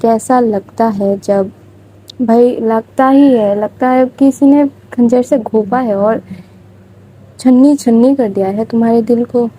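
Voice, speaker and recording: A woman's voice: a little high, takes it slowly, warm tone, slight background noise, rough recording. A woman narrating a story in a chatty, informal way, with confiding asides to listeners.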